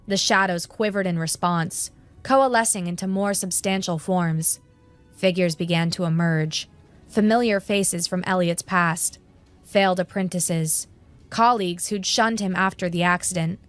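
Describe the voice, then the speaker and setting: A woman narrating a fantasy story in a steady, measured, scripted style. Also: lowish voice.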